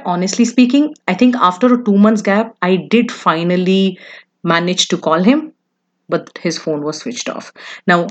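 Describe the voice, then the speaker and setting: A woman's voice: medium pitch, muffled recording. A woman, casually telling a personal story in a chatty, confiding way, with frequent asides to the listener.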